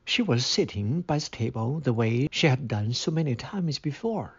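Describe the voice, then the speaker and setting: A man narrating a story aloud in a measured, careful read-aloud style, on a dull lo-fi recording. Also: medium pitch, lively intonation, slightly rough.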